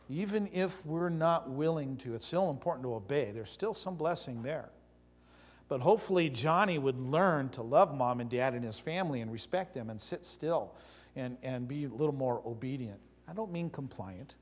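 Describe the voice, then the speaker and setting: Male pastor, sermon delivery, emphatic storyteller, reverberant sanctuary sound. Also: mid-range voice. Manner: storytelling preacher, emphatic, swings from loud to soft. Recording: long hall reverb.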